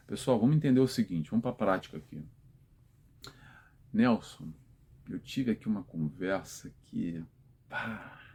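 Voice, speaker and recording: Gravelly, husky man. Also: lowish voice, warm tone. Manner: conversational, gives advice straight to viewers. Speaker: spiritist talk host. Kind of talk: informal spiritual talk.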